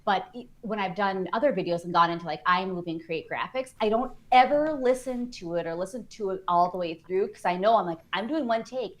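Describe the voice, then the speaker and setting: A woman's voice: mid-range voice, a little fast, hardly any pauses. A woman guest in a casual interview, chatty and self-deprecating, talking with frequent fillers.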